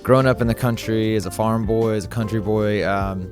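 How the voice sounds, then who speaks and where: A man's voice: fairly low pitch, steady tone, fairly quick, music in the background. A man narrating his vlog in voice-over, rambling, with many fillers and restarts. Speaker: vlog host.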